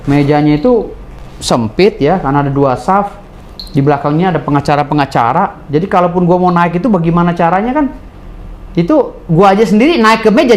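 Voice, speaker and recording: A man, a lawyer answering interview questions in a heated, indignant way. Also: sits high. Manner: indignant, animated, mimics others.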